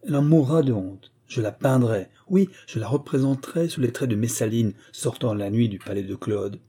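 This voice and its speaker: A man's voice: medium pitch, steady tone, normal speed, warm tone, close to an everyday voice. A man playing an enraged, proud young painter who thunders with wounded vanity, in a storybook reading. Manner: thundering, roaring.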